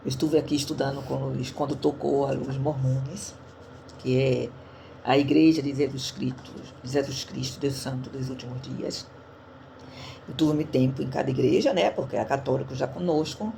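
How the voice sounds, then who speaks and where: A woman's voice: very deep voice, fairly even intonation, normal speed, vocal fry, warm tone, a little hiss or hum. A woman from Brazil sprinkled words, giving a chatty online church talk and often checking in her listeners. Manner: chatty, tags questions to listeners. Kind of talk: casual sermon talk.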